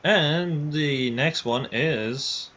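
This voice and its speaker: A bright, slightly high male voice drags out its words over livestream headset audio. He's hosting a build showcase, rambling in casual stream chat with frequent restarts, and the sound is dull and lo-fi.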